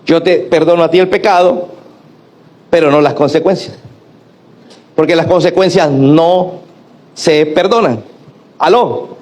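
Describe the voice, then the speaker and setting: A male pastor, preaching a sermon in an animated way, acting out quotes and calling out to the congregation. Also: fairly high pitch, a little slow, pauses often. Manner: animated preaching with acted-out quotes and call-and-response.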